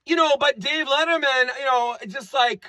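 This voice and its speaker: A man's voice: very high-pitched, moderate pace, sharp tone, dry recording. A man giving a rambling comic monologue, repeating phrases and playing with made-up words. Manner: rambling, repetitive, playful wordplay.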